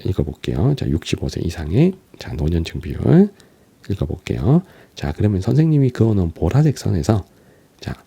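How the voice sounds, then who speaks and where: Low gravelly male geography teacher. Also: mellow. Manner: starts phrases with a drawn-out "ja", asks students questions. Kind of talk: exam explanation lecture.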